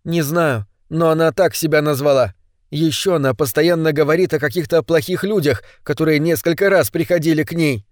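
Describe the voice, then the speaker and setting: A frightened young mother, put on by a male storyteller, murmuring soft, repeated reassurances. Her voice sits a little higher and quieter than the reader's own, in a close, dry reading. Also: brisk, dry recording, close to an everyday voice. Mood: worried. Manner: soft, hushed, repeating soothing words. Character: grieving woman, a frightened mother soothing her child.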